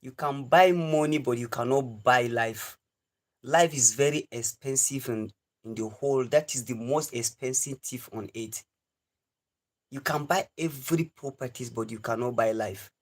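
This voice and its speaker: In a mid-range voice at moderate pace, a livestream host in his twenties with a Nigerian English accent gives his viewers an earnest, repetitive, preachy talk.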